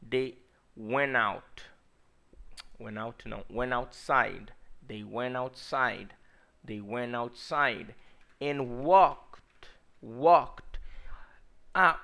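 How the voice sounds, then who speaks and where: Gravelly teacher drilling English slowly. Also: male voice, mid-range voice, fairly bright tone. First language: Portuguese. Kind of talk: language lesson explaining English in Portuguese.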